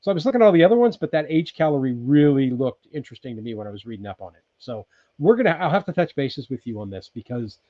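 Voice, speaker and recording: A man's voice: medium pitch, quick pace, no room sound. Rambling man in his sixties, dull dry sound. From California. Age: 60s. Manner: rambling, relaxed, many ums and restarts. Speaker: livestream host. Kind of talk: casual live chat reading viewer comments. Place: off-grid cabin in Alaska.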